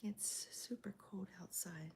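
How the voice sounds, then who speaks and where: A woman streaming live, whispering as she chats with viewers, her voice gravelly from a cold. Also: medium pitch, measured pace. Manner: soft whispering with fillers. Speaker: crochet livestreamer. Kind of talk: whispered ASMR livestream chat. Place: home, early morning.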